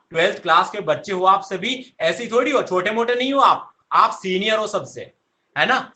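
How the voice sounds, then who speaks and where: A man's voice: high voice, sharp tone. A young man teaching an online grammar class, who keeps asking his students questions and answering them himself. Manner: coaxing, addresses students directly. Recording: echoey room.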